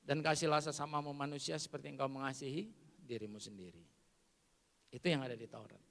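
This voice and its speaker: A pastor with an Indonesian accent preaching a sermon, swinging from loud emphatic lines to hushed asides. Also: male voice, medium pitch, brisk, gravelly. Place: large church hall. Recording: long hall reverb.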